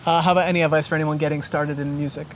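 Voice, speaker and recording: Upbeat offscreen interviewer asking quick questions. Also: medium pitch, level tone, a little hiss or hum. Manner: upbeat, brief reactions. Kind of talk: rapid-fire interview questions.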